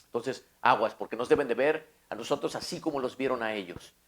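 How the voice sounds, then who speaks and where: A man's voice: medium pitch, brisk. A man preaching a conversational Bible-study sermon, often putting rhetorical questions to the listener.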